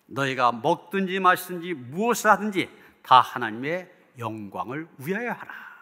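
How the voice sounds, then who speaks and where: Preaching in a church hall thick with long reverb, a man with a slightly high, pushed, bright voice delivers an earnest sermon. His manner is emphatic and rhetorical, and he ends by praying.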